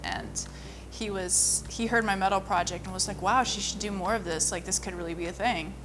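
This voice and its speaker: A young woman who models and sings talks casually and a little quickly about her music, her medium-pitched voice fairly even in intonation. She fills her personal stories with "like," and there's background noise along with music underneath.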